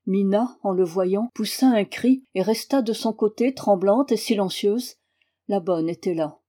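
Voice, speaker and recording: Brief: calm female audiobook narrator, warm mellow timbre, steady reading. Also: medium pitch, a little slow. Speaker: audiobook reader. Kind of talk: scripted narration.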